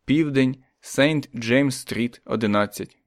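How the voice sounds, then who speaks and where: A man voicing a quiet, lonely writer who answers politely and mildly, in an audiobook story. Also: mid-range voice, slow pace. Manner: polite, mild, softly protesting. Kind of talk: audiobook reading.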